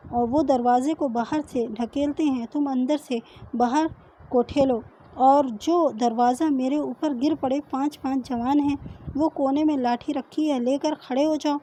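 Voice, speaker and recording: A woman's voice: high voice, steady tone, mellow, a little hiss or hum, natural voice. A woman reading as a defiant young wife. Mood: insistent. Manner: bold, insistent. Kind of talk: reading a story aloud.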